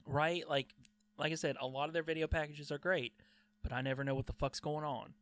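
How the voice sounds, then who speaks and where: A man's voice: a little high, fairly even intonation, a little fast, a bit bright. A man chatting casually on a podcast, easygoing and swearing offhandedly. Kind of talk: casual podcast chat about wrestling.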